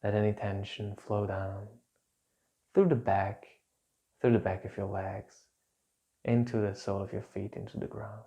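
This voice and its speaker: A man guiding a calm grounding exercise as an instructor, giving gentle, soothing, repetitive instructions with pauses. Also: lowish voice. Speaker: instructor leading a guided relaxation exercise.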